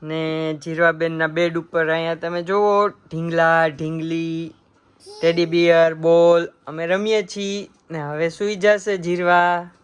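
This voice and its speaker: Low-voiced woman narrating bedtime. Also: little pitch movement, slow, smooth. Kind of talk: casual home vlog narration.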